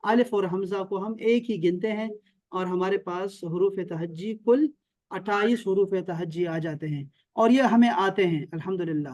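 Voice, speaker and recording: A man's voice: sits high, darkish tone, no room sound. A man from Pakistan teaching an online Arabic and Quran lesson over a video call, repeating key terms and checking often that his students follow.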